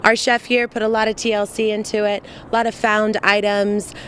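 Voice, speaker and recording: A woman who runs an event venue, speaking enthusiastically but haltingly, with many fillers, in a live outdoor news interview. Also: medium pitch, level tone, fairly bright tone, slight background noise. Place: outdoor patio.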